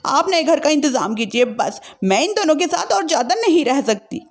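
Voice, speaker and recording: A woman's voice: sits high, lively intonation, normal speed. A woman voicing a haughty, spiteful young sister-in-law with bossy, whiny demands in a family story. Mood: demanding. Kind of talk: acted family-drama storytelling.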